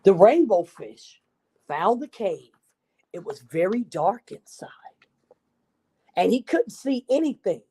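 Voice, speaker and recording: A woman's voice: mid-range voice, very animated, slow pace, long pauses, dark tone, husky. A woman reading a children's story aloud expressively, with asides to her young listeners.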